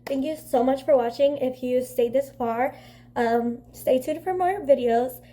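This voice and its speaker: A woman's voice: sits high, unhurried, warm tone. A young woman with a stuffy, congested voice chatting casually through a makeup vlog, rambling with constant fillers. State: congested from a cold. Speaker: beauty vlogger.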